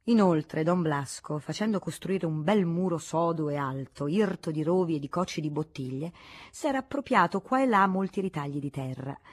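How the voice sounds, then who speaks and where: A woman narrating a classic novel as an audiobook in a measured, expressive reading. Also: low-pitched. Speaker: audiobook reader.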